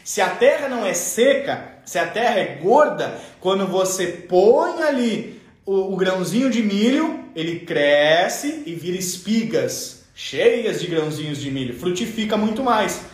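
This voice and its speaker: A man with a southern Brazilian accent delivers an emphatic, playful motivational talk in a very high voice. His words ring out in an echoey room. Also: very animated, unhurried. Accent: southern Brazilian, Rio Grande do Sul. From Rio Grande do Sul, Brazil. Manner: emphatic, playful, acts out examples. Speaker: motivational speaker.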